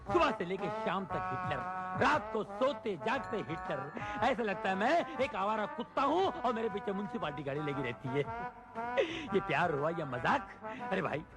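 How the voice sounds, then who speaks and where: A dramatic, lovesick young man rants in a comedy film. His high voice swoops wildly between lines. Film score music plays under him. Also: expressive, normal speed. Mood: ranting. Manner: shouting, ranting, comic overacting. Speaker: comic lead in a film scene.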